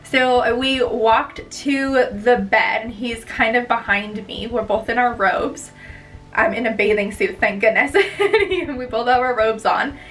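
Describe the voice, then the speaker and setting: A woman's voice: fairly high pitch, slow, fairly bright tone, recorded from a distance, faint music behind, rough recording. A young woman vlogger chatting casually as she tells a story, bubbly and gushing, rambling on.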